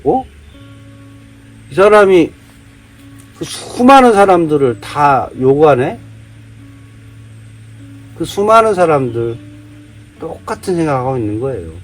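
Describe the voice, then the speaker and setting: Man from Jeolla, heated preachy rant, rhetorical questions, fairly high voice, faint music behind. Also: sing-song, measured pace, pauses often. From Jeolla, South Korea. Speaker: vlogger. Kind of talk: casual monologue, day-drinking rant.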